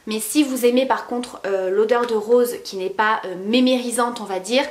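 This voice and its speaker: A woman's voice: fairly high pitch, moderate pace. Chatty woman reviewing beauty products, roomy. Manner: chatty, many fillers and restarts. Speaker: beauty vlogger.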